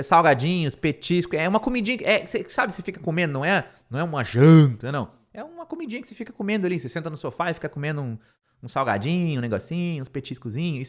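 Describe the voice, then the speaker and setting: A man teaching an English lesson. He says words over slowly and keeps checking in with the listener. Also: mid-range voice. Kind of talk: online language lesson.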